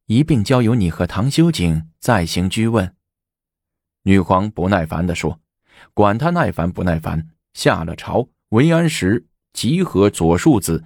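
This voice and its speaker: A man narrating a historical story in an expressive storytelling manner. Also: sits low, slightly rough, no room sound, studio quality.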